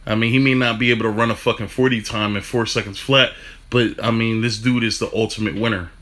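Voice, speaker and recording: A man talking fast in a casual football rant, stumbling over restarts and swearing casually. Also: on the low side, fairly even intonation, fairly bright tone. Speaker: football fan commentator.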